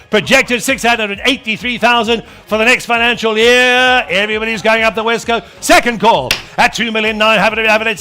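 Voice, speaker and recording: A South African man working as an auctioneer, calling bids in a rapid, repetitive chant at a live sale. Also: high voice, pushed and bright. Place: live auction with online and phone bidders.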